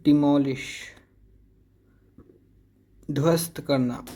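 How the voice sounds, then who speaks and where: A man teaching a vocabulary lesson at a very unhurried pace. His voice is dark and mellow. He repeats each word again and again to drill the pronunciation. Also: a little high, steady tone. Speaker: English teacher.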